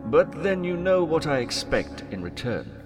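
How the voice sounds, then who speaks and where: Villain mastermind, higher-pitched, swooping delivery, mock-courteous, grandiose, audio drama, music underneath. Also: male voice, big pitch swings, normal speed. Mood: smooth, persuasive. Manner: theatrical, mock-courteous, elaborately formal. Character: imprisoned villainous male mastermind, silky, mocking, grandiose.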